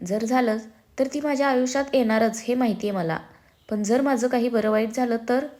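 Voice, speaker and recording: A woman voicing a determined, ambitious young man who speaks firmly and teases his twin brother with calm confidence. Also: on the high side, brisk, close to an everyday voice. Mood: earnest. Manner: firm, self-assured, gently teasing.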